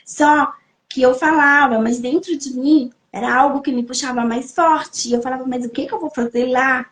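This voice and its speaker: A woman's voice: high-pitched, steady tone, normal speed, a bit bright. A young Brazilian woman giving an emotional personal testimony on a podcast, telling her story and acting out the voices she quotes. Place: living in Germany, remote podcast.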